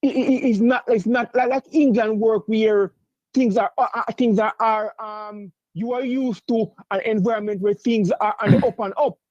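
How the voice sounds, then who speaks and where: A high-pitched male caller from Jamaica who stumbles through his sentences with constant restarts and filler words, yet keeps pressing the same point over and over. The line comes through dull and lo-fi, with a dry, close sound. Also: steady tone, a little mellow, dry recording. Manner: halting, many stammered restarts and fillers; insistent, repeats himself. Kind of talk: call-in sports debate.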